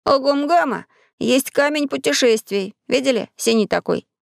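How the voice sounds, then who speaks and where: A woman's voice: high-pitched, lively intonation, normal speed, creaky, no echo, clean studio sound, voice pushed up, heavily acted. A woman voicing an imaginative young boy who explains wonders in a raised, eager voice, in a children's audiobook.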